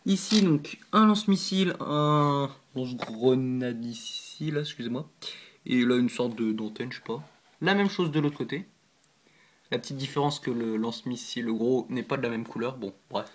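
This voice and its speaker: A man's voice: medium pitch, moderate pace. Chatty hesitant man showing his models. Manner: hesitant and chatty, frequent 'euh', 'hop' and 'voilà' while handling pieces; self-deprecating asides and apologies. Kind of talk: casual show-and-tell vlog.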